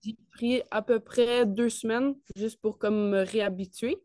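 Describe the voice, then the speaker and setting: As an interview guest, a nineteen-year-old network marketer with a Quebec French accent chats in an enthusiastic, colloquial way. Her somewhat high voice is mellow and steady in tone, moving a little slowly, with no room sound audible.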